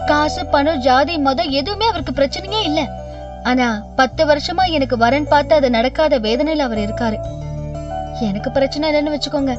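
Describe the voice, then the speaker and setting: A woman's voice: high-pitched, lightly acted. Actress playing a dutiful, pleading woman in her thirties. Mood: pained. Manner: pleading, respectful, repeatedly says "sir". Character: unmarried woman, earnest, dutiful to her family. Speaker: lead character in a TV serial. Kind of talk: television serial acting. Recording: distant dull TV audio with background score.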